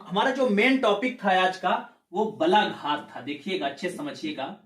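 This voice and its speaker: His voice high and a bit bright, a man lectures on grammar for an exam, building the explanation step by step. He asks rhetorical questions, goes over points again, and checks with the class via "ठीक है"; the room echoes.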